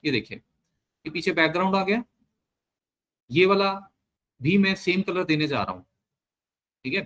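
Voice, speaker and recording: A man giving a step-by-step screen-share software lesson, mixing Hindi with English terms and often checking in with the learner. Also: sits high. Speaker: software trainer.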